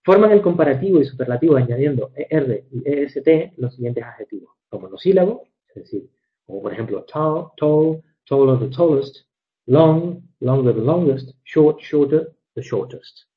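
A man teaching English grammar in a recorded lecture, measured and methodical, slowing down to read examples and correcting himself with fillers. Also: a little high, animated. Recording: dull lo-fi recording.

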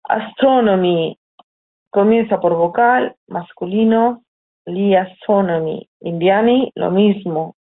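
A woman's voice: medium pitch, takes it slowly, slightly rough. A woman with a Spanish accent from Spain, teaching a live online lesson, explaining patiently and reading student questions aloud from the chat. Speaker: Italian teacher. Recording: tinny phone-like audio.

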